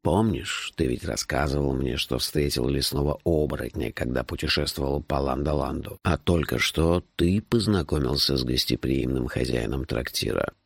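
A man reading an audiobook, voicing a calm, learned man who explains things slowly and a little condescendingly. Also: a bass voice, creaky, dry recording, studio quality, heavily acted. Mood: lecturing. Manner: slow, measured, professorial explaining.

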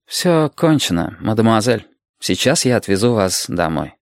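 A young police inspector, calm and measured with a dry irony, his voice a little lifted as a male reader voices him. The read is dry and close, with no room sound. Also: lowish voice, gravelly, no room sound. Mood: stern. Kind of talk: audiobook character voice.

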